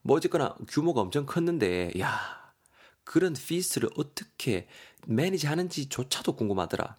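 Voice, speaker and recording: A man's voice: on the high side, sing-song, moderate pace, darkish tone, husky, voice pushed up. A man voicing a young man with an upset stomach, groaning and chatting casually. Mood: chatty.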